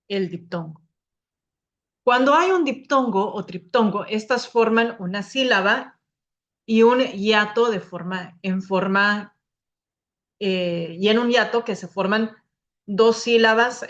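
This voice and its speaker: A woman's voice: fairly high pitch, fairly bright tone, highs cut off. A young woman teaching a spoken grammar lesson to a class, explaining patiently, often restarting her words.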